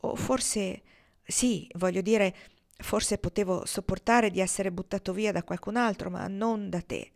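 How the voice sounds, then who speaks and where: An insecure man pours out his fears in a raised, agitated voice, as a woman reads him aloud. The audiobook delivery stays close to a reader's own mid-range tone, pushed higher and louder when he presses his point. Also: steady tone, unhurried, creaky. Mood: pained. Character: anguished adult man, insecure, pleading.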